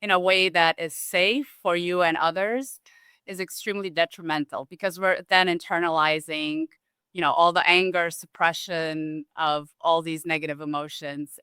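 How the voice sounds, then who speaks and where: Woman guest from romania, bright smooth voice, chatting easy and thoughtful. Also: fairly low pitch, no echo. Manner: relaxed, thoughtful, with restarts and small laughs. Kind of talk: casual conversational interview.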